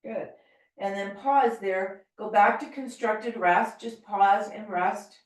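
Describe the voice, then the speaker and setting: A middle-aged American woman leading a yoga class, calmly and gently cueing breath and movement. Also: medium pitch, slow. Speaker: yoga teacher. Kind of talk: guided yoga class instruction. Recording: very echoey room, voice from far off.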